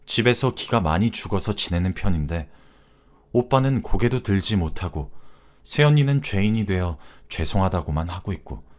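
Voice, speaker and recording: Low-voiced man narrating a story. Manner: calm first-person storytelling.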